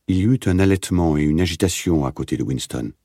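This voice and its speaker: A man narrating an audiobook in a steady, measured reading. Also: low-pitched, no room sound, studio quality.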